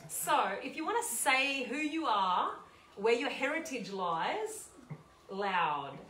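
A woman's voice: a little high, big pitch swings, takes it slowly, pushed and bright, a little hiss or hum. An Australian woman hosting a sing-along, chatting casually and giggling as she introduces the people in a room with a piano. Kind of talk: casual chat between hymns. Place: room with a piano and a small group. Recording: echoey room with music.

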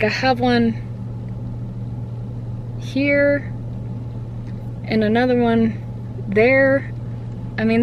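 Sitting in a parked car with a camera or phone propped at arm's length on the dashboard, a twenty-something vlogger rambles casually to the camera. She's slightly puffy-cheeked from wisdom teeth removal, and her fairly high voice comes across halting, filler-heavy and prone to trailing off. The lo-fi sound carries a clear interior hum.

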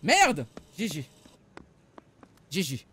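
A young man streaming games, joking loudly, swearing and talking to his viewers. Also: a little high, huge pitch swings, extremely slow, background noise. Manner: loud, joking, swearing often, talks to chat. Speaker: gaming streamer. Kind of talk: excited live gameplay commentary.

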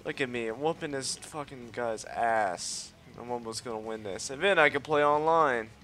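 With faint music behind him, a let's play host speaks at a moderate pace in a mid-range voice while commentating his game live. Expect boasting, cocky trash talk, frequent swearing, and excited yelps when things go wrong.

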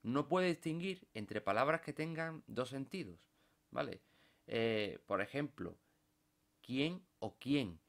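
Patient man teaching software. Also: medium pitch, expressive, measured pace, creaky. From Spain. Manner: patient, explanatory, tags phrases with "¿vale?". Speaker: computer course instructor. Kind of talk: screen-recorded software tutorial.

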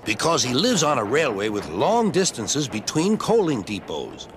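A man's voice: mid-range voice, big pitch swings, moderate pace, noisy background, natural voice. A man playing a firm, reassuring railway boss.

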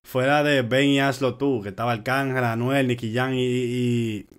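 A man's voice: mid-range voice, steady tone, normal speed. A man hosting a casual music reaction video, talking chatty and slangy straight to his viewers. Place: home in Orlando.

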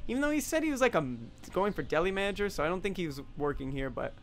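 高亢活泼的年轻男游戏主播. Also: male voice, sits high, rapid-fire, a little hiss or hum. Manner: jokey, animated, talks to viewers. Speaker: gaming YouTuber. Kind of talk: let's play commentary.

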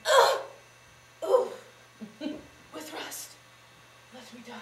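A woman's voice: slow pace, a little mellow, slight background noise, natural voice. A young woman performing a grief-stricken, desperate lover with anguished stage verse delivery. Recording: distant echoey auditorium recording.

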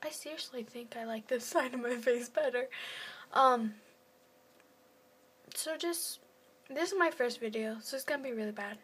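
A woman's voice: fairly high pitch, moderate pace, long pauses, fairly bright tone, a little hiss or hum. A teenage girl rambling casually to her phone camera in her first vlog, self-deprecating and often dropping to a half-whisper. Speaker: first-time vlogger.

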